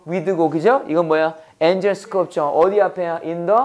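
A man teaching an English lesson in a loose, chatty classroom manner. He fires off quick questions, answers them himself, and repeats key words. The English phrases come out slow and carefully spaced. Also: a little high, steady tone, darkish tone. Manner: reads English phrases slowly and deliberately. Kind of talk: casual classroom lecture.

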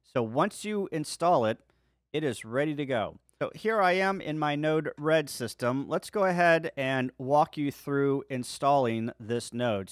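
Man giving a dry-sounding software walkthrough. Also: medium pitch, clear, resonant tone, no echo. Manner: relaxed step-by-step walkthrough. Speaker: ham radio video host. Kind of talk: screen-share software tutorial.

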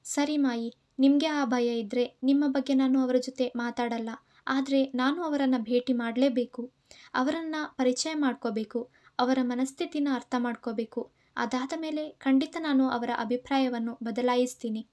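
Earnest young heroine reassuring a friend, high mellow voice, read by a woman storyteller in an audio story. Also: fairly even intonation, normal speed, natural voice. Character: caring young woman comforting an older friend.

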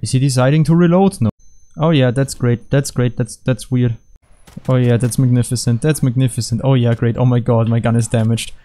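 A man talks over his game footage in a relaxed, mellow voice, dropping deadpan jokes and rambling asides. He sounds like a casual gamer commenting from his home computer. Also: medium pitch, fairly quick. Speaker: gaming commentator. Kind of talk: joking gameplay commentary.

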